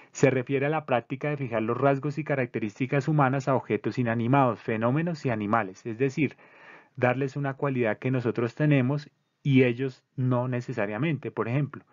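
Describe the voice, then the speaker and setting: A man explains poetic terms like a patient teacher, reading definitions and examples one by one and now and then correcting himself mid-word. His voice sits at a middle pitch. The recording is dry, with almost no room sound, and dull, as if the highs were cut off. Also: no room sound. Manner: measured and didactic, spelling out syllables, with occasional slips and restarts. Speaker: presenter of a literary discussion circle.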